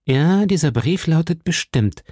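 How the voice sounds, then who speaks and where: A man voicing a cold, cunning noblewoman in an audiobook, speaking low and measured with a probing edge. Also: expressive, darkish tone, slightly rough, no echo, studio quality. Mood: guarded. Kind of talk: audiobook reading.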